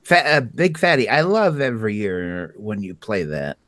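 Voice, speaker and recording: A man's voice: on the low side, very animated, fairly bright tone, dry recording, clean studio sound. A man hosting a podcast in casual banter, laughing easily between his lines. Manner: giggly, quick to laugh. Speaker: podcast host.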